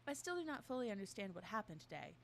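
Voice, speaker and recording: A woman co-host playing a game with a friend on a casual stream reads an in-game journal aloud in mock-formal style, breaking into laughs and chat. Her medium-pitched voice is very animated, fast, gravelly, and a bit bright, with a little hiss or hum in the audio.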